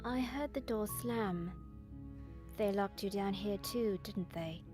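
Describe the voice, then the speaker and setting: A woman's voice: medium pitch, takes it slowly, music in the background, close to an everyday voice. A woman voicing a captive young princess from a video game, pleading and easily turned to fury. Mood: pleading, urgent. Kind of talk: video game character read-aloud.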